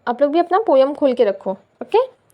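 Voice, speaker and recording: High-voiced Indian woman teaching a poem. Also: sing-song, highs cut off. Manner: explains step by step, often repeating "theek hai"; reads English lines slowly and carefully. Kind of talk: poetry lesson mixing Hindi and English.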